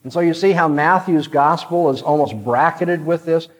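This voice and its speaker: A man preaching a sermon and reading scripture aloud, measured and emphatic, dropping to a hushed tone on key phrases. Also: on the high side, rough recording.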